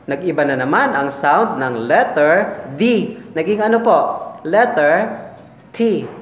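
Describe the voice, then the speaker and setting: A man gives a casual lesson, drilling each word slowly so the listener can repeat it. He keeps a playful tone and chuckles often. The room rings with noticeable echo. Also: fairly high pitch. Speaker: English teacher. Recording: echoey room with faint music.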